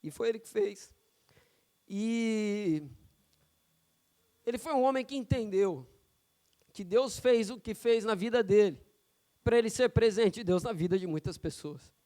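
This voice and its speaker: High-voiced, clear-toned male pastor. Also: measured pace, long pauses, mellow. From São Paulo, Brazil. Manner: conversational, personal storytelling with frequent tag questions. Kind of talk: sermon. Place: church sanctuary.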